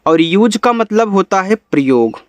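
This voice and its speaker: Man, teacher, spells words letter by letter, higher-pitched, dry recording. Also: sing-song, no echo. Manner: spells out letters slowly, then explains in Hindi. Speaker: English teacher. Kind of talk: spelling lesson.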